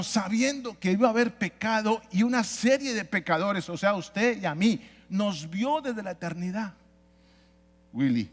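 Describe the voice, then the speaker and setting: A man preaching a sermon as a pastor, swinging between quiet explanation and loud emphasis and acting out biblical figures. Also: high-pitched. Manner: preaches with shifting loudness, voicing biblical figures. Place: church. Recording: long hall reverb.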